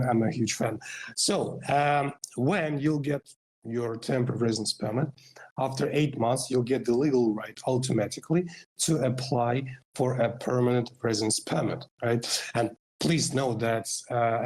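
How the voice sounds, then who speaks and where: Halting man. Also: medium pitch, a little mellow, poor audio. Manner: halting, repeats words, often adds "right?". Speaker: seminar host and consultant. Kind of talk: casual explanatory talk.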